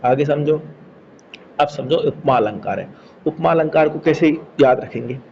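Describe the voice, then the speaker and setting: A man's voice: on the high side, a little slow, vocal fry, darkish tone. A man teaching a Hindi grammar lesson, explaining step by step, repeating key words and checking that students follow. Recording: slightly dull recording with faint background noise.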